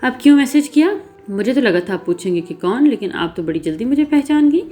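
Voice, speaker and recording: A woman's voice: a little high, animated, warm tone, faint music behind, pitched above the performer's own voice, lightly acted. A woman voicing a stubborn, teasing young man in a story reading, with a smug manner.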